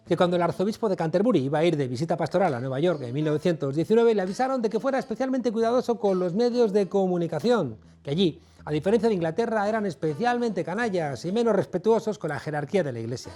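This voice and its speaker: A man hosting an opinion monologue, measured and emphatic with a wry storytelling edge. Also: high voice, lively intonation, mellow, soft background music. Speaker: show host and university professor.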